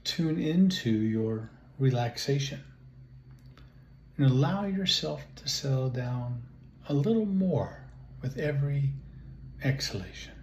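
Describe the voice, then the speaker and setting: A guided meditation session: the man leading it, an instructor in relaxation and guided imagery, speaks softly and soothingly at a medium pitch, slowly and with long pauses between measured phrases. There's a roomy echo and faint noise in the recording.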